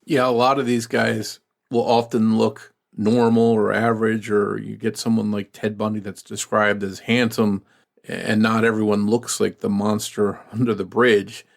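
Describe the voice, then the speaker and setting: A low, gravelly man's voice with plenty of fry, co-hosting a true crime podcast. He reads case details steadily and then muses aloud, halting and restarting as he thinks. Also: flat delivery. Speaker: podcast co-host.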